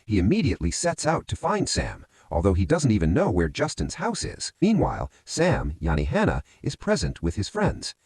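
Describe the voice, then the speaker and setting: A man's voice: lowish voice, moderate pace, hardly any pauses, breathy edge, no echo. A man narrating a movie recap as a story, often calling his listeners friends. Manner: addresses listeners as friends, lively rising and falling delivery.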